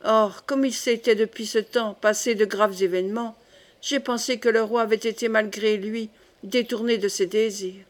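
A woman voicing a bold young nobleman in an audiobook, calm and composed. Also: medium pitch, normal speed, lightly acted.

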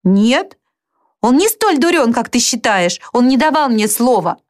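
A woman voicing a distraught young woman who pleads in a high, breaking voice. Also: very animated, measured pace, darkish tone. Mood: pained.

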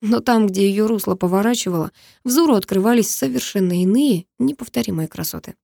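Mellow woman narrating a story. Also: mid-range voice, fairly quick, gravelly, no echo, studio quality. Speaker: audiobook reader. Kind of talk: first-person story narration.

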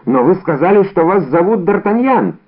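A man's voice: high voice, big pitch swings, moderate pace, pitched above the performer's own voice. A man voicing a flustered, bossy police commissioner who barks orders in exasperation, heard over a tinny phone-like sound. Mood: exasperated. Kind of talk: audiobook character reading.

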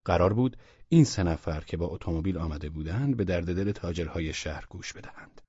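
A man narrating a humorous story as an audiobook, in a steady storytelling manner. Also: low voice, husky, no room sound. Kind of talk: scripted narration. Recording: dull, dry audio.

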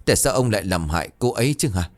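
A man voicing a young man in anguish, shouting broken, desperate questions in a ghost story. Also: fairly low pitch, expressive, rapid-fire, soft background music, close to an everyday voice.

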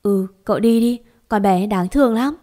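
A woman voicing a kind, motherly village woman who speaks gently and turns tearful. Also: medium pitch, moderate pace, close to an everyday voice. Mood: gentle.

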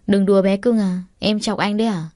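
Tender young boyfriend coaxing softly, woman narrator doing him, mellow warm tone. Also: mid-range voice, fairly even intonation, brisk, close to an everyday voice. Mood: hurt. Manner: coaxing, soothing like talking to a child. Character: doting young man, tender lover.

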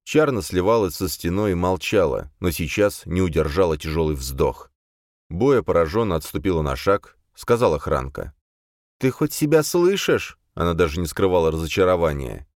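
A man narrating a fantasy novel in an expressive storytelling way. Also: deep voice, normal speed, no echo, studio quality. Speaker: audiobook narrator.

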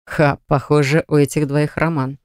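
A reader voicing a hot-tempered man who growls and sneers at a rival in a low, rumbling voice. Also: little pitch movement, moderate pace, smooth, dry recording, clean studio sound, natural voice. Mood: sneering.

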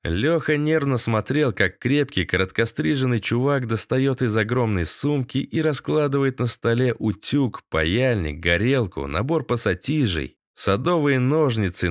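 A man narrating an audiobook in a steady, dramatic reading. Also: mid-range voice, measured pace, hardly any pauses, dry recording, studio quality. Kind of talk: scripted narration.

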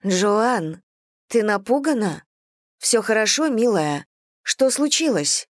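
A woman's voice: medium pitch, sing-song, slow pace, dry recording, voice pushed up. A woman voicing a caring young noblewoman, anxious and pleading, with a raised, dry voice. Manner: anxious, pleading and stern by turns. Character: higher-voiced caring noblewoman, the husband's sister.

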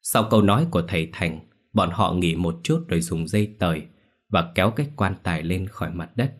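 A man telling a ghost story in a steady, measured scripted narration. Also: deep voice.

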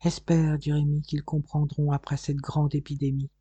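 A calm, solemn spirit speaks its prophecies in an audiobook, read by a man. The voice is dark and mellow with a husky edge. It is recorded close and dry. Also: fairly high pitch, normal speed, dry recording, dull audio. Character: gentle otherworldly voice of a spirit guide.

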